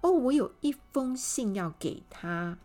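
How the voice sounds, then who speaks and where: A woman voicing a tiny, polite, easily flustered little man in a children's storybook, with a high, hesitant voice. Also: big pitch swings, a little slow, warm tone, faint music behind.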